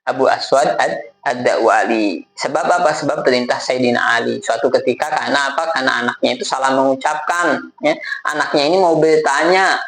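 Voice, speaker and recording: A man talks through a religious lesson in a loose, conversational way, stopping often for fillers and repeating phrases as he goes. His voice has a gravelly edge. Slower recited lines break up the talk, and the sound rings in a roomy, echoing space. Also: medium pitch, a bit bright, faint music behind. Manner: hesitant, many fillers and self-repeats; recites Arabic phrases slowly. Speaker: Islamic religious teacher. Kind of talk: casual spoken lecture.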